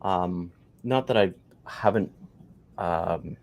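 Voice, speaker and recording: Very low-voiced Canadian man in his forties. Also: takes it slowly. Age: 40s. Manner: rambling, with many fillers and restarts. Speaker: podcast guest. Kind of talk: casual interview chat.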